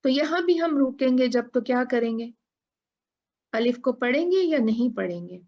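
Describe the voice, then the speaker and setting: A woman teaching a tajweed lesson who explains patiently, asks her students questions and chants Quran verses in a drawn-out style. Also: sits high, animated, dull audio.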